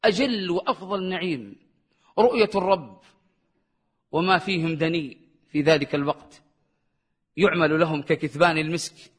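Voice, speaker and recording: Bright high-pitched impassioned male preacher. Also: breathy edge. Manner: impassioned, rising pitch on questions, chants verses. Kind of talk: sermon.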